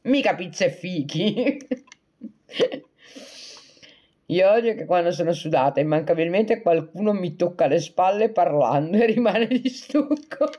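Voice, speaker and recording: Her fairly low, warm voice is expressive and measured as she hosts a casual livestream. Joking with her audience, she reads out their comments, replies to them, and keeps dissolving into laughter.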